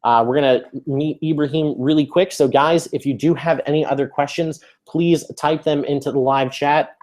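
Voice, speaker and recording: A man's voice: fairly high pitch, steady tone, moderate pace, a little mellow. A man hosting a live webinar over a video call, upbeat and chatty, with many fillers and restarts. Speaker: webinar host.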